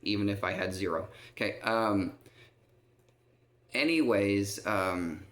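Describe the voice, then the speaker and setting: Slow and fairly low-pitched, with a fairly bright tone, a man vlogging from a care home resident's room wanders through a long story about his life. He stops often to ask his listener "okay?" and fills pauses with "um", and the audio echoes around the room.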